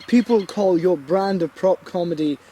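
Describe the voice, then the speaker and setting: A man's voice: high voice, normal speed, dark tone. A man asking questions as the interviewer in a mock-documentary. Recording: clearly noisy background ambience.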